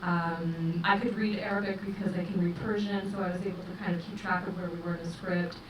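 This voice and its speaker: A middle-aged woman, a film director whose first language is English, gives measured, thoughtful answers full of fillers during a festival interview. Her voice is lowish with little pitch movement, picked up by a distant mic in a roomy, noisy space.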